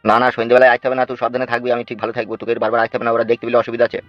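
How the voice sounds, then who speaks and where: A man's voice: mid-range voice, level tone, rapid-fire, dry recording, dull audio, soft background music, lightly acted. A man voicing a worried old father lying wounded in hospital, pleading for caution in a weary way, in a comic cartoon.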